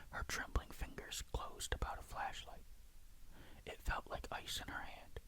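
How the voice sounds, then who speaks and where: A storyteller reading a ghost story in a breathy, hushed, suspenseful whisper, in ASMR style. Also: measured pace.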